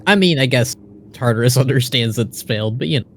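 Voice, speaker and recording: A man's voice: mid-range voice, animated, brisk, a little hiss or hum. A man playing a tabletop game who asks questions casually and hesitantly, with many fillers. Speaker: player.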